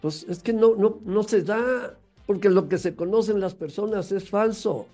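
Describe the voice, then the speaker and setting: A man's voice: high-pitched, a little slow, mellow, faint music behind. A man giving a motivational talk on raising children, emphatic and full of rhetorical questions.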